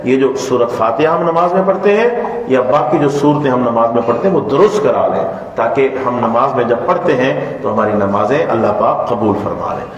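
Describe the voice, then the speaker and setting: A man's voice: mid-range voice, expressive, dull audio. A man giving a religious lesson as a Quran teacher, earnest and pleading, who asks the audience questions and repeats the answers. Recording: echoey hall from far off, faint noise.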